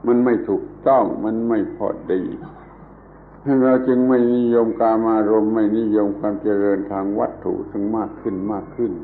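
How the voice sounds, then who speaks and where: Man, gravelly voice, Dhamma talk, tinny old tape with light hiss. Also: fairly low pitch, fairly even intonation, moderate pace. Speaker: Buddhist monk teacher. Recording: phone-like old tape recording.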